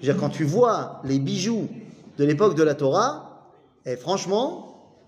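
A long reverb tail trails the fairly high-pitched voice of a teacher speaking a little slowly, with big pitch swings. He's giving a casual study lesson, first reading old texts in Aramaic and then retelling them in chatty, joking French.

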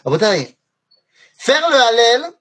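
A man teaching a lively religious lesson on Hebrew words to a class, often asking his students questions. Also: very high voice, takes it slowly, breathy edge. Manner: animated, asks the class questions. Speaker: Torah teacher.

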